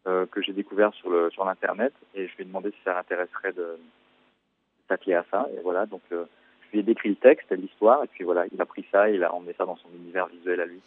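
A French man in his forties, a musician answering radio interview questions in a thoughtful, explanatory way, pausing on fillers. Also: low-pitched, steady tone, no room sound. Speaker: musician guest. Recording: tinny phone-like line, dry.

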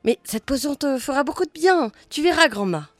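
A woman voicing an excited, polite young boy in a storybook reading. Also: high voice, brisk, no echo, faint music behind. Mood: eager. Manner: excited, exclaiming. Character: eager curious boy, polite.

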